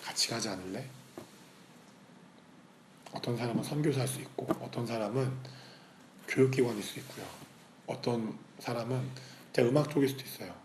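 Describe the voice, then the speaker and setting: A man's voice: mid-range voice, fast. Male pastor, 30s, emotional testimony sermon, echoey hall. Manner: emotional storytelling, shifting between loud outbursts and hushed quoted speech. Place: church hall. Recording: echoey church hall, faint ambient noise.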